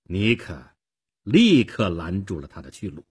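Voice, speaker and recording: A man narrating a story for radio in an expressive, acted-out style. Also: deep voice, measured pace, breathy edge. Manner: expressive, acts out the scenes.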